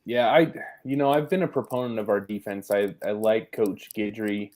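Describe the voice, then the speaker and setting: A man's voice: lowish voice, fairly even intonation, moderate pace, darkish tone. Man musing over a football loss. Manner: thoughtful, hedging, many fillers. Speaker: sports podcast co-host. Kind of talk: casual postgame football chat.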